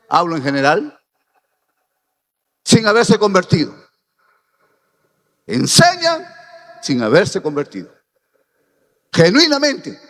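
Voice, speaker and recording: A male pastor preaching with a high, lively voice, pitching each phrase up and down as he drives his points home. He speaks slowly and deliberately, building to emphatic peaks. The sound carries a long reverberation from a church hall. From Peru. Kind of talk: sermon.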